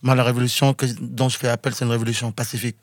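A man's voice: mid-range voice, little pitch movement, racing, dry recording. A man from Senegal, a musician guest, talking earnestly in an interview and slipping into English now and then. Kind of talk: casual interview talk.

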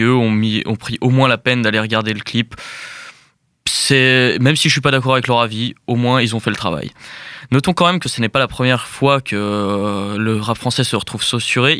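A man's voice: mid-range voice, sharp tone, dry recording, clean studio sound. A man reading an indignant, emphatic opinion commentary as a radio columnist.

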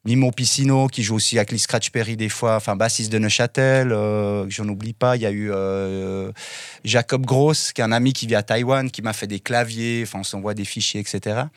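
Low-voiced Swiss man rambling. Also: steady tone, fairly quick, no echo, clean studio sound. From Switzerland. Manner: rambling, lists with many fillers. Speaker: musician guest. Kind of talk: casual interview talk.

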